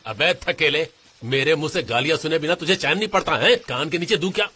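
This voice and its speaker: A brash, insulting villager. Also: male voice, fairly high pitch, brisk, pushed and bright, slightly rough. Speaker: dubbed film character, a villager. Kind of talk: Hindi film dub acting.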